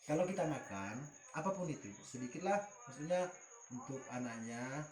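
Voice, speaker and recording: A man's voice: medium pitch, expressive, moderate pace, a little mellow, reverberant. A man leading a spiritual healing session, switching between coaxing, reassuring talk and murmured Arabic prayers. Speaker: spiritual healer.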